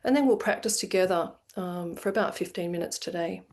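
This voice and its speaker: A woman's voice: on the low side, a little fast, darkish tone. A woman teaching meditation in an online session, talking conversationally with many fillers and restarts. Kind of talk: informal lecture.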